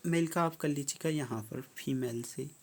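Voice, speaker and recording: A teacher moves through a worksheet in steps, slowly reading each English prompt aloud before explaining it plainly. The pitch is medium, and there is a slight background noise.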